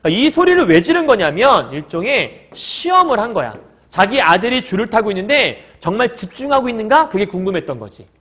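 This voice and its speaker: A man teaching a literature class, explaining a story by asking quick questions and answering them himself. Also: high voice, very animated, fairly bright tone, breathy edge. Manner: breaks into short acted quotes of characters. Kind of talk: recorded classroom lecture.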